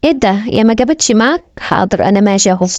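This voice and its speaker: A woman's voice: mid-range voice, animated, racing, a little mellow, dry recording, highs cut off. A woman with an Egyptian accent doing comic voice-overs for animal clips in playful, bantering colloquial speech. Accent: Egyptian Arabic. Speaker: comic voice-over dubber.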